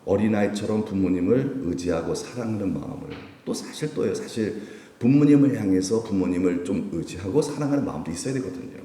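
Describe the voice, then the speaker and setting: A man in his fifties preaching a sermon at a Wednesday prayer meeting, conversational, with rhetorical questions and sudden jumps in pitch. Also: mellow. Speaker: pastor. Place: church sanctuary. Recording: echoey church hall, mic from a distance.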